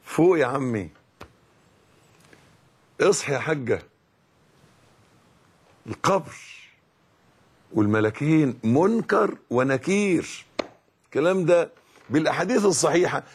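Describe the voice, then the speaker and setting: A middle-aged man with an Egyptian Arabic accent giving a religious lesson as a preacher, emphatic and dramatic, dropping to a hush and then rising loud. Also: fairly high pitch, lively intonation, unhurried, long pauses, husky. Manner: emphatic, dramatic swings between hushed and loud.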